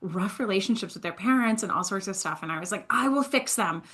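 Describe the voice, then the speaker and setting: A fast-talking, mid-pitched woman, she is a Swiss sales entrepreneur in her thirties guesting on a podcast. Her career tale comes out casual and spirited, full of self-mockery and frequent bursts of laughter.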